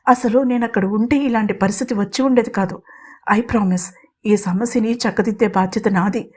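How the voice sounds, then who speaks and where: A woman voicing a gentle, caring middle-aged husband who soothes and coaxes his wife in an audio drama. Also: medium pitch, fairly even intonation, moderate pace, lightly acted. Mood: soothing. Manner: soothing, coaxing, gently firm.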